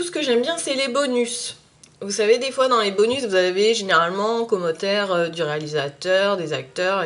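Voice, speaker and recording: A young woman chats casually with her viewers in a YouTube vlog, her voice at an ordinary middle pitch. She sounds hesitant, pausing often with "euh" fillers as she hunts for words, and her phrases trail off quietly.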